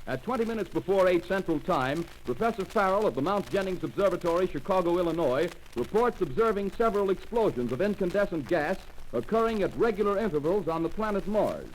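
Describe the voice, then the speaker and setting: A man's voice: sits high, slight background noise, low-quality recording. A man reading formal network announcements and a news bulletin in a 1930s radio drama. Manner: formal, clipped bulletin delivery.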